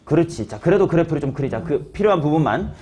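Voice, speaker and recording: A man's voice: a little high, lively intonation, fast, a little mellow, lo-fi sound. A man teaching a math class, talking casually and quizzing students by name. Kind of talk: classroom lecture.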